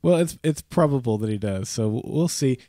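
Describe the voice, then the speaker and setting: A man's voice: mid-range voice, expressive, brisk, warm tone, dry recording, clean studio sound. A man in his thirties with a nasal, stuffy voice from a head cold, hosting a casual podcast chat and rambling with frequent restarts. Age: 30s. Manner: rambling, self-correcting, chuckles often. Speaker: podcast host.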